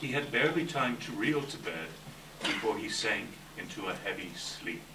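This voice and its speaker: A man narrating a story from a script in a deliberate, theatrical readers theater style. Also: on the low side, animated. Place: indoor live event, distant microphone. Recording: echoey hall from far off, faint noise.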